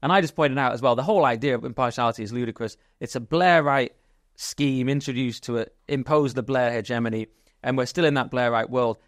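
Guy cohosting a politics podcast, talks fast, jokey, dry sound. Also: mid-range voice, dry recording. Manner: fast, jokey, animated riffing. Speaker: podcast co-host. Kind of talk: casual political chat.

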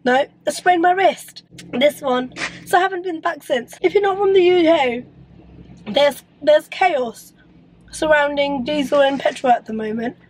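Speaking slightly slowly in a high voice, a twenties-aged woman studying dentistry rambles chattily to her phone, held out at arm's length, from her car and bedroom. She pokes fun at herself while her voice recovers from being lost to illness. The vlog audio is low quality.

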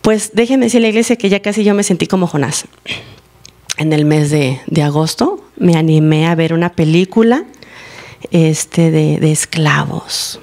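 A woman giving a teaching and testimony to her congregation, telling her story with lively acted-out dialogue. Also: fairly low pitch. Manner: animated storytelling, acting out dialogue. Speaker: church member giving a teaching. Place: church service, recorded live.

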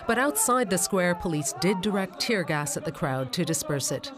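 A documentary narrator reading a calm, even, scripted narration. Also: medium pitch, moderate pace. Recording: narration over music and crowd noise.

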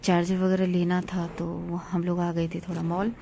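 A woman's voice: lowish voice, monotone, normal speed, gravelly, background noise. A woman in her thirties chatting casually to her viewers as friends in a family vlog. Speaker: family vlogger.

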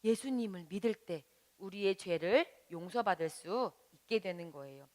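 Lively-voiced woman teaching a children's Bible lesson. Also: medium pitch, moderate pace. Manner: gentle, explaining, asks children questions. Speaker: Sunday school teacher.

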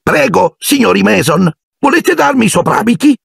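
A man's voice: sits high, very animated, normal speed, vocal fry, fairly bright tone, husky, no room sound, studio quality, voice pushed up, heavily acted. A man voicing a spoiled, dim-witted boy reciting rehearsed lines in a storybook reading. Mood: simpering. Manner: rehearsed, simpering.

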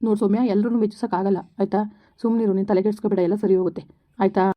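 A woman's voice: medium pitch, steady tone, rapid-fire, dark tone, close to an everyday voice. A woman acting a young husband in a homemade village drama, talking in a reassuring, coaxing way.

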